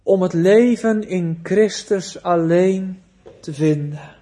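A man preaching a sermon, emphatic, with big swings in loudness and pitch and rhetorical questions. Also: takes it slowly.

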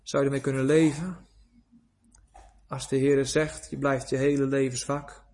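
A man preaching a sermon, moving from quiet, hushed passages to rising, pleading cries. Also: medium pitch, little pitch movement, moderate pace.

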